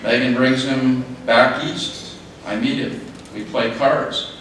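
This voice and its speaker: A middle-aged man delivers a wedding speech as father of the bride, in short, halting phrases with repeats. His mid-pitched voice is picked up from a distance in a very echoey room, with clear background noise. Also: fairly even intonation, fairly bright tone.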